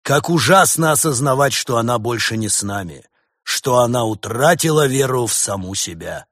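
A man's voice: mid-range voice, lively intonation, moderate pace, a bit bright, no echo, studio quality. A man voicing a scheming male snow leopard preacher giving a strained, impassioned speech. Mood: rousing.

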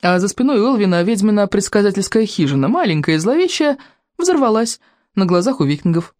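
A man narrating an adventure audiobook with a lively, dramatic reading. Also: high-pitched, a little fast, no echo, studio quality. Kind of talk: expressive storybook narration.

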